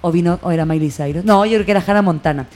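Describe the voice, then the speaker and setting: Chilean woman, podcast co-host type, rapid lively anecdotes, light music bed. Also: fairly low pitch. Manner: animated storytelling, quick and laughing. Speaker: backstage producer telling stories. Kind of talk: casual podcast chat.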